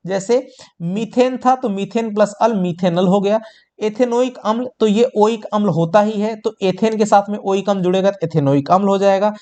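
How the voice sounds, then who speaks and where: A man's voice: high voice, moderate pace, dark tone. Man teaching science step by step. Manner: explains step by step, asks and answers his own questions; addresses students as children. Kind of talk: exam-prep board lesson.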